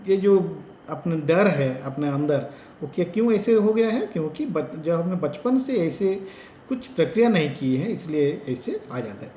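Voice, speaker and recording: A man who trains teachers gives a slow lecture in Hindi with an Odia-influenced accent and repeats example sentences with stress. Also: on the high side, mellow, reverberant, a little hiss or hum. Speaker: teacher educator.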